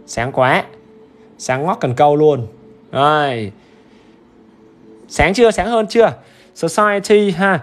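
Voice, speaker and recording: A man's voice: on the high side, takes it slowly, pauses often, faint music behind. Upbeat man teaching. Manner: upbeat and chatty, keeps urging viewers to comment; repetitive check-ins with the audience. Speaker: English teacher. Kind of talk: livestream exam-review lesson.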